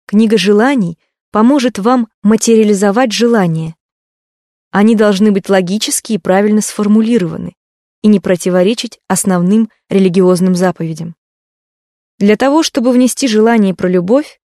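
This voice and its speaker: A woman reading automated phone menu prompts in a calm, even, measured way. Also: medium pitch, dry recording, studio quality.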